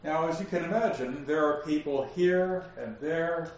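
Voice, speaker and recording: A man teaching a Bible study, explaining verses slowly and asking his class questions. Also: on the high side, a little mellow. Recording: echoey room, distant lo-fi mic.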